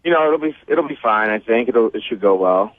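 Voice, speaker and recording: A man's voice: lowish voice, lively intonation, fairly quick, no echo. A man taking a prank phone call, sounding nervous and hesitant and giving uneasy chuckles. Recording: tinny dry phone line.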